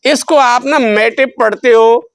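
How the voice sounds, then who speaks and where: A man's voice: extremely high pitch, measured pace, smooth, no echo. A man teaching a spelling lesson. He repeats his questions back to the students and stretches out syllables. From India. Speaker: English teacher. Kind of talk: spelling lesson explained in Hindi.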